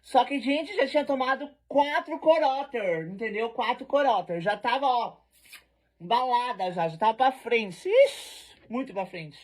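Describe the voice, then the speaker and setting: A woman telling a party story to camera in a casual, animated and slangy way. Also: on the high side, moderate pace.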